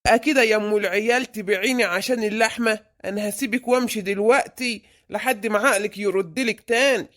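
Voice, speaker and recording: A woman does cartoon voice acting for an Egyptian cartoon, playing a stingy, grumbling middle-aged husband with an Egyptian accent and a scolding, exasperated delivery. She talks fast at a medium pitch, close to an everyday voice.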